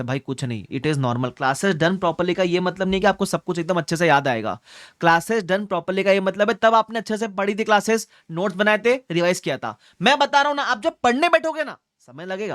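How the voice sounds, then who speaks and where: Man, young adult, exam coach, direct brotherly manner, higher voice, dry recording. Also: a bit bright, dry recording. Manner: direct and brotherly, calls listeners "bhai", keeps checking they follow. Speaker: exam coach for accountancy students. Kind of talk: advice talk to students, mixing in English phrases.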